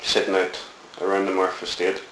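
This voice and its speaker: A deep-voiced middle-aged man with a Belfast accent from Northern Ireland is interviewed for an oral history. Speaking in a monotone at normal speed with a fairly bright tone, he reflects on his childhood in rambling stories packed with fillers. The echoey room carries a faint hiss.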